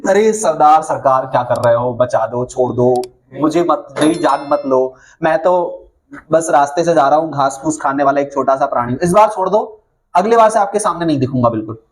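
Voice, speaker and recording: A man's voice: fairly high pitch, normal speed, voice pushed down, close to an everyday voice. A man voicing a timid young lion cub who believes he is a sheep, in a pleading, self-belittling way.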